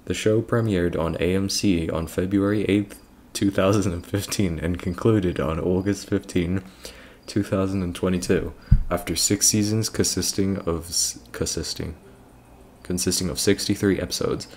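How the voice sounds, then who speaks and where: A young British man with a low voice reads a long text aloud on a livestream. He often trips over names and breaks off to mock himself. Faint crickets chirp behind him. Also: steady tone, moderate pace, a little mellow, slight background noise. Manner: stumbling over names, self-mocking asides. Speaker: streamer.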